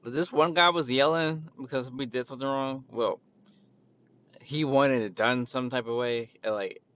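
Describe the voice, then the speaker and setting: A man's voice: moderate pace, fairly bright tone. A man in casual storytelling mode ranting about his retail job in a profane, laid-back way. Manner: profane, laid-back, quotes people in a raised voice. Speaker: retail worker. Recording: dull lo-fi with vehicle rumble.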